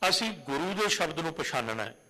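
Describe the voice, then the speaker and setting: Guy giving a sikh sermon, reciting verses real slow, long hall echo. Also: fairly high pitch, big pitch swings, pushed and bright. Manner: poses rhetorical questions, then recites verses slowly and drawn out. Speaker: Sikh preacher.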